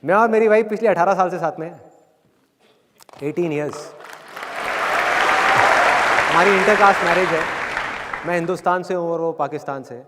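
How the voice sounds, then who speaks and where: A man's voice: high voice, moderate pace, pauses often, noisy background. A middle-aged man giving a live motivational talk, chatting with and teasing his audience. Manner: conversational, teasing the audience, mock-scolding with acted quotes. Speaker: motivational speaker. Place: large hall with live audience. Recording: long hall reverb, faint crowd.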